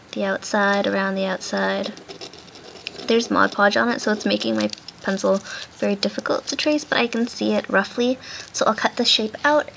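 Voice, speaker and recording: A woman's voice: medium pitch, fairly bright tone. A woman hosting a casual hands-on craft tutorial, talking step by step while she works, her voice muffled by a face mask. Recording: clear background noise, handling clicks.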